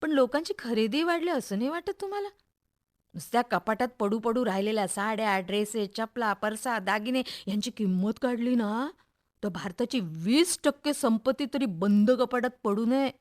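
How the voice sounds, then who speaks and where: An actress plays a middle-aged, middle-class mother in a radio monologue. Her voice sits fairly high, with a Maharashtrian accent and an expressive, wry, gossipy way of confiding in the listener. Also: normal speed, natural voice. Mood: wry complaining.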